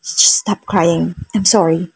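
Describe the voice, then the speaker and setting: A woman voicing a gentle, concerned young husband who talks softly and slips into English. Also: fairly high pitch, fairly even intonation, slow, creaky, slightly rough, exaggerated voice. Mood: soothing. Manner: soft, mixes English into speech.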